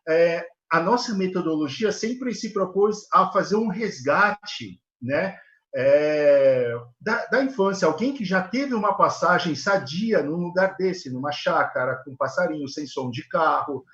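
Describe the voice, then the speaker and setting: A man, a guest in a live interview, speaking earnestly and haltingly with many fillers. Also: fairly high pitch. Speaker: guest, elder care manager. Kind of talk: live video call interview. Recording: echoey, dull video call audio.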